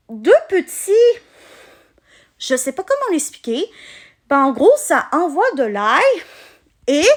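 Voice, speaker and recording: A woman with a Québécois French accent telling a personal story in a casual vlog, explaining things with halting pauses mid-sentence. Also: sits high, fairly bright tone. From Quebec, Canada. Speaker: vlogger.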